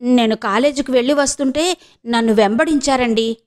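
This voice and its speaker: Bold, scheming young heroine, voiced by a woman narrator, sharp-tongued and taunting. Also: a little high, moderate pace, natural voice. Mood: feigned fear.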